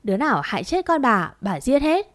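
A woman voicing an older mother who is grieving and vengeful, with a shrill, accusing, wailing delivery. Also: expressive, fairly quick, no echo, close to an everyday voice. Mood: furious.

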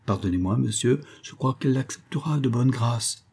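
A man's voice: mid-range voice, moderate pace, creaky, darkish tone, husky. A man reading the part of a bold young cavalier lover, gallant and theatrical, in an audiobook.

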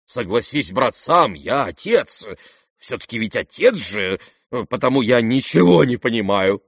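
A man's voice: medium pitch, big pitch swings, unhurried, no echo, studio quality. A man voicing a flustered middle-aged general and father in an audiobook who stammers and pleads.

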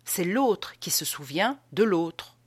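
A woman reading as pompous lecturing gentleman. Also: on the low side, sing-song, slow pace, slightly rough, no room sound, full character voice. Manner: emphatic, rhetorical questions. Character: pompous man lecturing on souls.

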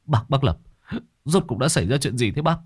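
A man's voice: medium pitch, expressive, brisk, husky, pitched above the performer's own voice. A man voicing a timid, frightened village father who stammers and pleads.

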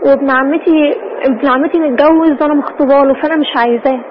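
Young woman, Egyptian accent, urgent caller, high voice, muffled line, clear background noise. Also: steady tone, racing.

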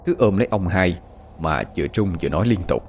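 Male horror narrator, low, animated, suspenseful. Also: quick pace, slight background noise. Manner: expressive, suspenseful. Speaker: storyteller.

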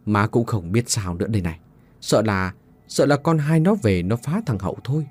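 A man voicing an anxious, weary older village mother who speaks in a worried, hushed way. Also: lowish voice, lively intonation, moderate pace.

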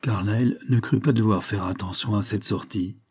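Brief: male audiobook narrator, mellow dark tone, measured reading. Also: on the low side, slightly rough. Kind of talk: scripted literary narration.

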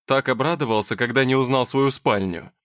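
A man's voice: mid-range voice, a little fast, fairly bright tone, clear, resonant tone, no room sound, close to an everyday voice. A man voicing a sardonic, grumbling young man with a dry, sarcastic manner. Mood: wry.

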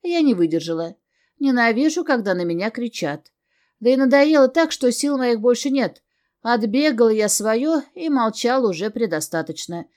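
A woman narrating a first-person fantasy audiobook in a wry, expressive way. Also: fairly high pitch, moderate pace. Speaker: audiobook reader.

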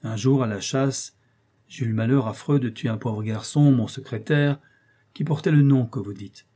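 A man reading an audiobook, voicing a proud, quick-tempered aristocratic count who speaks in a curt, commanding way. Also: mid-range voice, dark tone, close to an everyday voice. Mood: defensive.

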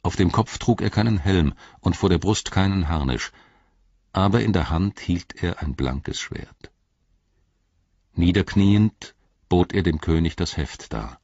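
A male narrator with a very deep, husky voice reads an epic tale slowly and solemnly. The sound is dry and close. The recording is dull and lo-fi. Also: expressive, a little mellow, no echo. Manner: measured, solemn. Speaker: audiobook narrator. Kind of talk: scripted narration.

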